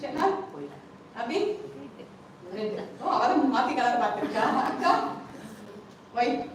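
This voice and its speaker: A woman's voice: on the high side, expressive, takes it slowly. A woman pastor from India preaching a sermon, quizzing her congregation with questions and asking them to answer aloud. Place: church hall, indoors. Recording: echoey hall from far off, faint noise.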